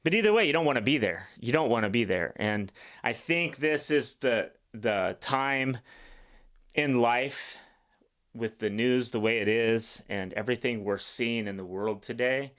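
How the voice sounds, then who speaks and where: A man's voice: mid-range voice, animated, measured pace, fairly bright tone. A man giving casual, rambling commentary as the host of a music reaction video, talking in an informal, slangy storytelling way.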